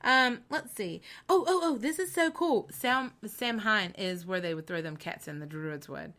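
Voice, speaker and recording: A woman co-hosting a casual chat show, excitable and laughing often as she shares facts. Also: mid-range voice, normal speed. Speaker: co-host.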